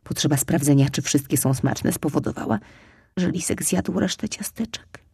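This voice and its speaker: A woman reading a children's story aloud in a lively, soft, expressive way, sometimes whispering. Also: sits low, normal speed, vocal fry, slightly rough, no room sound, studio quality.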